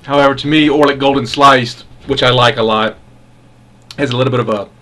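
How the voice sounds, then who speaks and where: A man's voice: medium pitch, steady tone, sharp tone. Man musing unhurriedly in a casual review. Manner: unhurried, halting, musing delivery. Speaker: pipe tobacco reviewer.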